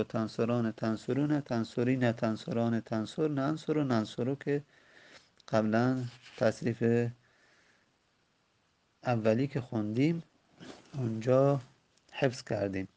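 A man teaching grammar from a textbook, patiently repeating word forms and spelling them out slowly. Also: mid-range voice, creaky, a little mellow. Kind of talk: recorded lesson explaining a textbook.

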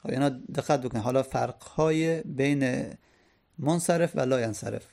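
A man's voice: mid-range voice, gravelly, dark tone. A man teaching Arabic grammar, patiently repeating each point and example.

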